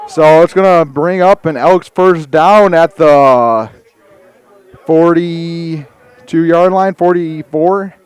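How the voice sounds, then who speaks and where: Casting: male local sports announcer, out of breath, crisp slightly high voice, live play-by-play. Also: no echo. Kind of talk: live high school football commentary.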